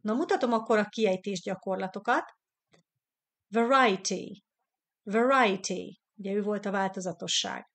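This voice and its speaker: Hungarian woman teaching English pronunciation. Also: medium pitch. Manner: reads English words slowly twice, then gives the Hungarian meaning; chatty and encouraging toward viewers. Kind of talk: live online English lesson.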